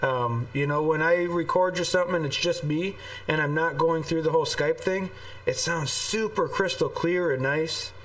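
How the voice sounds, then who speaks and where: A man chats on a live podcast, rambling and breaking into laughter between thoughts. His voice sits a touch high and sounds set back from the mic, and the whole signal carries an echoey, roomy ring from the call line. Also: moderate pace, fairly bright tone. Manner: rambling, laughs often, trails off with "um". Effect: echoey, roomy sound over an online call. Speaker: podcast co-host. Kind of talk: casual live podcast chat. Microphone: desktop USB microphone through a mixer. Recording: distant echoey call audio.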